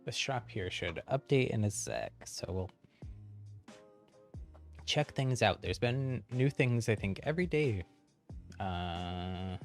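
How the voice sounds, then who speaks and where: Livestreaming a video game, a man gives casual, chatty commentary in a lowish voice with vocal fry. He's informal and often chuckles between remarks.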